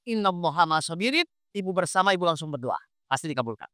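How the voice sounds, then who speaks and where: A man delivers a lively sermon, constantly testing his listeners with quick questions. His voice is bright and crisp. The sound is dry and close. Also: sits high, no echo. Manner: quizzes the audience with quick rhetorical questions; lively, conversational preaching. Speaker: Islamic preacher. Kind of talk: sermon to a congregation.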